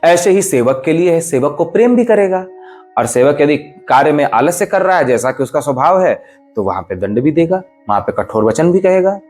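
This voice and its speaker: A man's voice: on the high side, animated, moderate pace, a little mellow, soft background music. A man, a spiritual teacher, giving a devotional discourse in an emphatic, explanatory way. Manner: emphatic, explanatory, rises and falls sharply for stress.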